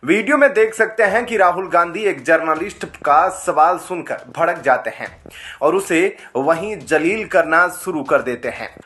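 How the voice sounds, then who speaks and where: A man reading a scripted news voice-over in a steady, formal newsreader manner. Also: fairly high pitch, unhurried. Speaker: news narrator.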